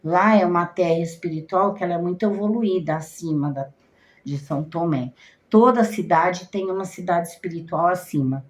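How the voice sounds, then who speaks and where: A woman's voice: fairly low pitch, normal speed. A Brazilian woman, a cigana card reader, casually telling her viewers a personal story, with frequent repetitions and trailing off mid-phrase. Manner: animated, repeats herself, trails off.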